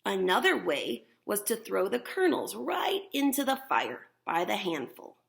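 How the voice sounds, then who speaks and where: A woman teacher reads a picture book aloud to young children, expressively, with simple explanations and demonstration asides. Her mid-range voice swoops wildly in pitch, unhurried, with vocal fry.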